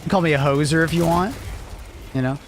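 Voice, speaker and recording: A young Canadian man with a mild accent that sounds close to American chats casually on a live stream, rambling loosely with lots of fillers and chuckles. His voice is fairly high and brisk, and there's slight background noise. He comes across as laid-back.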